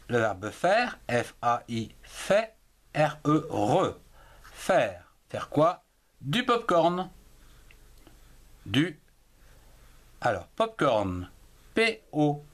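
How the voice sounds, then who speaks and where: A man gives a French writing lesson for small children, talking slowly and carefully. His pitch rises and falls a lot as he spells words out letter by letter and breaks them into syllables. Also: a bit bright. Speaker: teacher.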